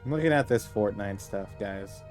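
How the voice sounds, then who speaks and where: A man's voice: on the low side, normal speed, a little mellow. A man streaming a video game and chatting casually to his viewers. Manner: chatty, talks to chat and the game. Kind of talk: casual gameplay commentary. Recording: game music behind.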